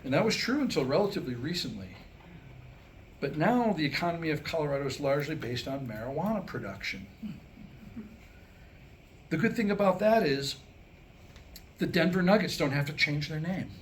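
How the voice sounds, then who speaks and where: A man with a highish voice and lively intonation tells jokes wryly and conversationally, stand-up style, to a small group at a live staged reading. He speaks at a moderate pace with long pauses, and the rough recording has faint background noise.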